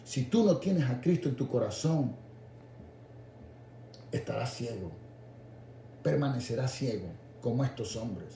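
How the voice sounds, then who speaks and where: A man preaching a radio sermon, calling his listeners "brother" and swinging from low, intimate asides to raised, shouted appeals. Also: lively intonation, unhurried, long pauses, roomy sound, a little hiss or hum. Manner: addresses listeners directly as "hermano".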